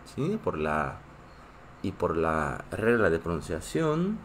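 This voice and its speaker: A man's voice: deep voice, huge pitch swings, slow, slight background noise. A man who is a native Korean speaker, teaching a live online class in a patient way and often checking in with his students. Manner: reads chat and greets viewers.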